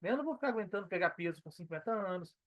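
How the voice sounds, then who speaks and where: Racing along in an expressive, high voice, a Brazilian man in his thirties talks casually as a podcast guest, often using slangy tags to check for agreement. He's a personal trainer and affiliate marketer, captured in lo-fi sound with no room sound.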